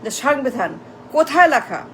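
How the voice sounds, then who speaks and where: A woman's voice: sits high, big pitch swings, normal speed, fairly bright tone, slight background noise, low-quality recording. A woman delivering an impassioned political rant, repetitive and mocking, mixing in English phrases. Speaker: political commentator.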